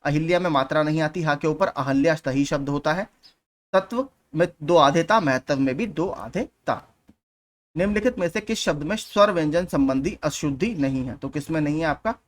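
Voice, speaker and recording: A man's voice: fairly high pitch, moderate pace. A man teaching exam preparation, going through spelling questions one at a time and patiently repeating the key points.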